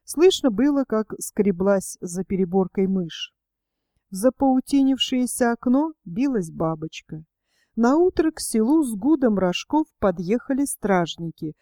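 A woman narrating a story in an even, measured reading. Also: fairly high pitch, dry recording, clean studio sound.

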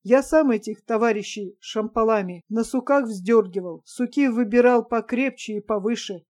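Woman reading a cocky bitter young officer, blunt and sardonic, soft mellow tone. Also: fairly high pitch, moderate pace, close to an everyday voice.

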